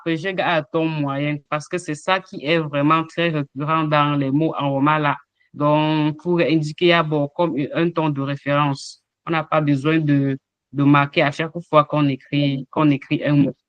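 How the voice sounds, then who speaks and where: A man teaching an online language lesson, explaining tones slowly with repeated examples and hesitations over a video call. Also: a little high, steady tone, a bit bright, clean tone, dry recording, highs cut off. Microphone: computer mic on a video call.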